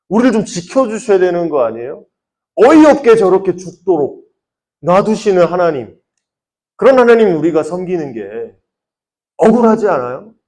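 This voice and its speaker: A young man, a youth pastor, preaching to teenagers in a conversational way, asking many questions and often dropping to a soft, quiet voice. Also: sits high. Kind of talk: sermon to teenagers.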